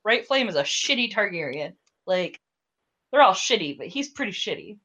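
A woman's voice: mid-range voice, sing-song, normal speed, bright, forceful tone, breathy edge. A young woman hosting a podcast, chatting casually and ranting with frequent swearing. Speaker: podcast host.

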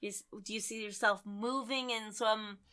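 A woman's voice: mid-range voice, steady tone, moderate pace, a crowd in the background. A woman co-hosting a casual chat, blunt and swearing as she asks questions.

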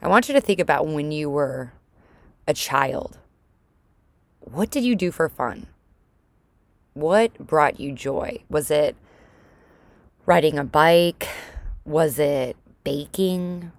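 A woman with a low voice talks slowly and casually, as if guiding a friend through a moment of reflection. She poses direct questions and leaves pauses for breathing. The sound is very dry and enclosed, recorded inside a small closet at home. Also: expressive, dry recording. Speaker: host of a personal solo recording for women and mothers. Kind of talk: casual reflective monologue, motivational.

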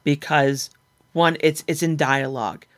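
Woman, podcast guest, author, casual chat, candid, self-deprecating, animated quoted asides. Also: sits low. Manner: animated, acts out her inner dialogue in quick quoted asides.

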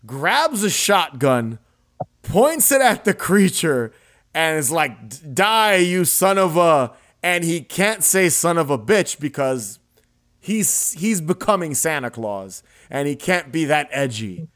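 A young adult man hosting a podcast, retelling a film scene in a casual, animated way with laughs and swearing. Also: fairly high pitch, slow. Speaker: podcast host. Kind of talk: casual chat.

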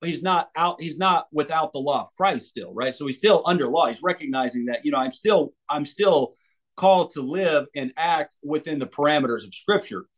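A man's voice: fairly high pitch, lively intonation, normal speed. A man from the United States, an evangelist and author, answering interview questions thoughtfully, with many restarts and fillers.

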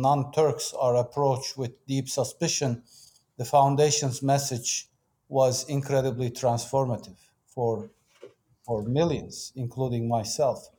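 Mellow-voiced man from Turkey. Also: medium pitch. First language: Turkish. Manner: measured, with frequent fillers. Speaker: executive director, guest. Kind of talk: podcast interview.

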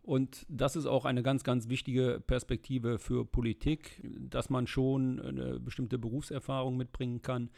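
Gravelly-voiced man, steady interview guest. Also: mid-range voice, measured pace, hardly any pauses. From Germany, Rhineland. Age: middle-aged. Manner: fluent and steady, with frequent filler sounds. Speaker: interview guest, state politician. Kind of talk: casual interview.

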